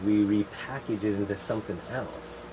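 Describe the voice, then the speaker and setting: A man's voice: lowish voice, steady tone, moderate pace. A middle-aged man chatting in a casual, rambling way as the host of a show. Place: shed. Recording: faint air-conditioner noise.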